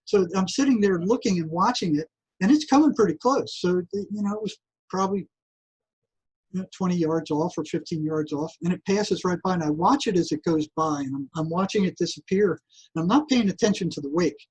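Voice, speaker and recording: Older man, husky voice, animated storyteller who stumbles and restarts often. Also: sits high, a little fast, poor audio. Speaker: guest, psychotherapist. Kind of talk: casual interview storytelling.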